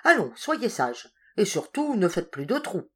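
A woman reading aloud, voicing a burly, slow male asylum guard who scolds bluntly. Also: mid-range voice, sing-song, darkish tone, breathy edge. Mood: gruff scolding.

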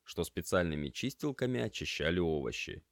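A man narrating an audiobook in expressive, scripted storytelling. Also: low voice, a little fast, dry recording, clean studio sound.

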